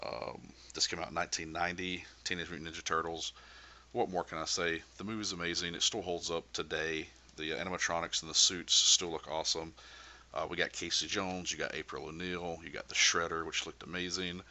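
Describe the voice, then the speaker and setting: A man's voice: low voice, flat delivery, a little fast, sharp tone. A man in his thirties chatting casually and enthusiastically about his collection, with many "uh" and "um" fillers along the way. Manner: easygoing and enthusiastic, with frequent "uh" and "um" fillers. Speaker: VHS collector vlogger. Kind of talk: casual show-and-tell chat.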